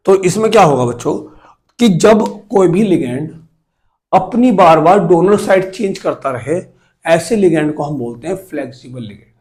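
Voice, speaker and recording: A man teaches chemistry in a fairly high voice. He keeps asking his students questions and counts aloud, step by step, as he draws. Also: darkish tone, poor audio. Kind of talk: classroom lecture.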